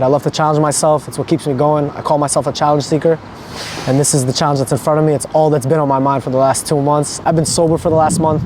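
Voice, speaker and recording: A man's voice: fairly high pitch, noisy background. A man in his twenties talking casually and earnestly to a vlog, in a motivational way with some casual swearing. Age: 20s. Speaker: vlogger, amateur runner.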